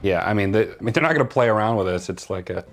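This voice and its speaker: A man's voice: fairly low pitch, racing, slight background noise. A man co-hosting a film reaction, chatting casually and explaining his thoughts.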